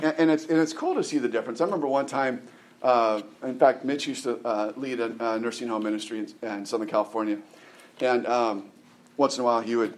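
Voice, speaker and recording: Rambling, chatty male preacher. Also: medium pitch. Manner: rambling, many restarts and "right?" tags. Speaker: pastor. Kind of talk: conversational sermon.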